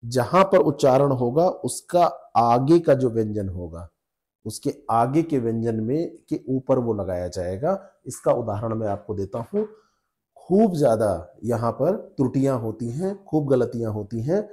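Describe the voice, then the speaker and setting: A man's voice: mid-range voice, animated, unhurried, dark tone. A man teaching spelling rules to exam students, repeating each rule patiently and checking with the class. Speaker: Hindi exam tutor.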